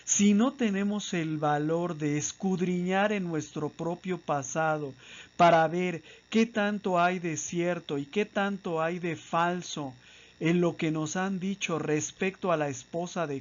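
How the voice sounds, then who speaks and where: High-voiced man lecturing with rhetorical questions. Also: dull audio. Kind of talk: apologetics lecture.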